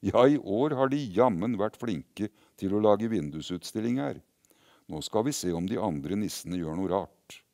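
A man's voice: on the low side, lively intonation, gravelly, a little mellow, no room sound, clean studio sound. A man voicing a crowd of exclaiming, slightly sceptical grown-ups watching a shop window in a story. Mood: amazed. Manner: exclaiming, chattering, a bit sceptical. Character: crowd of amused grown-up onlookers.

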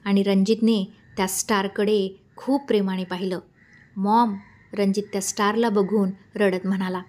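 Expressive woman reading a storybook. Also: mid-range voice, moderate pace. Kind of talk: storybook narration.

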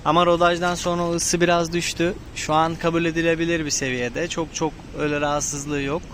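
Clear vehicle and outdoor noise surrounds a man talking inside a helmet. His voice sits a bit high. He reviews in a casual, unscripted way, feeling out his explanations as he goes. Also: little pitch movement, a little fast, a bit bright. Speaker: motovlogger reviewing his motorcycle.

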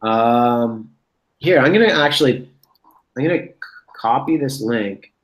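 A man's voice: medium pitch, animated, a little slow, reverberant, poor audio. A man in his thirties hosting a casual video-call chat from a room at home. He rambles and corrects himself as he tells stories. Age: 30s. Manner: rambling, self-correcting storyteller. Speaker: host. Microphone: webcam on a video call.

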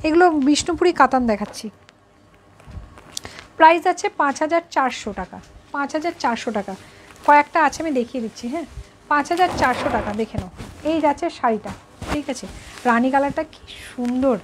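A woman's voice: high-pitched, a little hiss or hum. A woman, running a live sari sale. She chats with viewers and keeps repeating the prices. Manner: chatty, repeats prices, answers viewers directly. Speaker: boutique owner selling saris live. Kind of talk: live sales stream.

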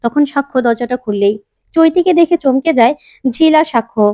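High-voiced woman narrating a serial recap. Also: animated, brisk, warm tone, no echo. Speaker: channel narrator. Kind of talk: scripted story retelling.

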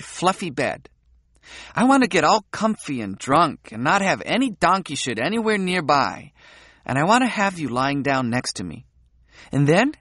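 A man's voice: on the high side, no echo, studio quality, heavily acted. A man reading an audiobook, voicing a frank, playful young woman who teases and provokes. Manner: teasing, provocative, animated.

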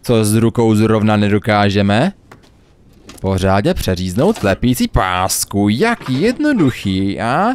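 Young male let's player, wildly expressive pitch, cussing, desk mic. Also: slight background noise. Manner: animated, swearing, laughing a lot. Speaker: gamer, let's play host. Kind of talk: let's play commentary.

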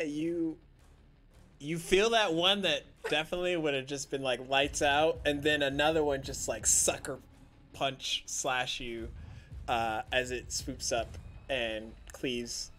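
A man narrating as game master of a tabletop game, describing the action in loose, halting phrases. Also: a little high, a bit bright, faint music behind.

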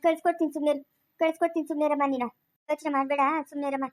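An actress with a rural Chikkaballapur Kannada accent playing a kind neighbor woman who gently comforts a crying new mother. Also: high-pitched, fairly even intonation, rapid-fire, lightly acted. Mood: comforting.

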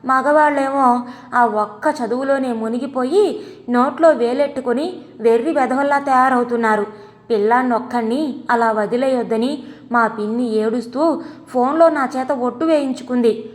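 A woman's voice: high voice, normal speed, in a large hall, lightly acted. A woman voicing a bossy, talkative middle-aged sister-in-law in an audio storybook, pushing and nagging. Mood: pushy. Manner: pushy, nagging persuasion.

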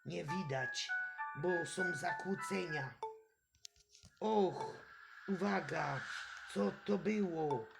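Slow, gravelly man dramatizing a horror game. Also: fairly high pitch, loud music behind the voice. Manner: theatrical, exclamatory, full of gasps and rhetorical questions. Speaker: gameplay commentator.

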